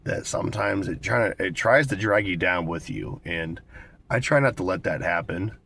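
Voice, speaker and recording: An American man in his twenties with a cold and a raspy smoker's voice, chatting casually and candidly to viewers with plenty of swearing. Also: sits low, lively intonation, normal speed, fairly bright tone, slight background noise. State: hoarse with a cold, smoker's rasp. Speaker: vlogger. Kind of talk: casual rambling talk to viewers.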